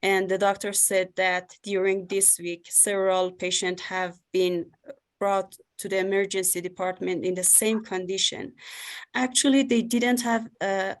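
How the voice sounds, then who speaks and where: A woman from Afghanistan with an Afghan accent, giving personal testimony in halting English as she searches for words. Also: medium pitch, little pitch movement. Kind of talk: personal testimony in a panel interview.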